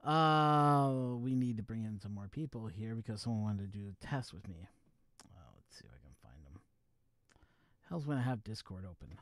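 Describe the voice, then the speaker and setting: A man's voice: on the low side, animated, normal speed, no room sound. Chatty man rambling on a live stream. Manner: rambling, chatty, talks to his viewers while fiddling with gear. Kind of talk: casual live stream chat. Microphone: wireless USB microphone.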